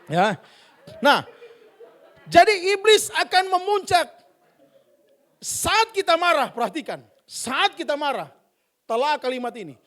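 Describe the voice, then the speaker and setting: A male pastor preaches to his congregation in a high voice. He stays playful and animated, and his pitch swings widely from line to line. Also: a little slow, long pauses. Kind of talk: sermon. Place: church.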